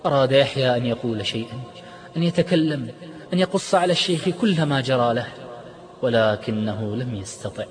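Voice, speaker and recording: A man narrating a dramatic story in a measured, expressive way. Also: medium pitch, long reverb tail.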